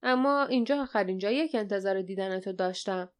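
A woman's voice: medium pitch, smooth, natural voice. A woman voicing a reserved adult man who speaks dryly in an audiobook. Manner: dry, restrained. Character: gruff adult male traveler, dry.

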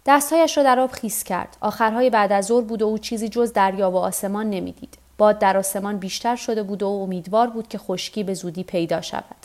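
A woman with a mid-range voice reads a translated novel aloud for a nightly story podcast. Her scripted narration is calm and measured.

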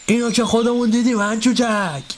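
A man voicing a gruff, bossy master snake catcher who scolds in crude old-fashioned slang. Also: high voice, animated, a little hiss or hum, voice pushed up. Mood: scolding.

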